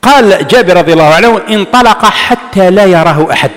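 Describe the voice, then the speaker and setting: A man's voice: high voice, animated, quick pace, fairly bright tone. A man giving a religious lesson, explaining a text and answering his own rhetorical questions. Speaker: religious teacher. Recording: long reverb of a large hall.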